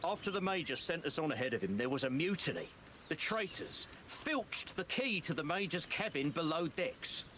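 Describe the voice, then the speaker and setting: High-pitched, animated, earnest pirate officer. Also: male voice, normal speed, slight background noise. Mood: grave, reporting. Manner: archaic, formal nautical speech. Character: loyal, earnest male pirate officer, urging his crew. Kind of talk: dramatic video game acting.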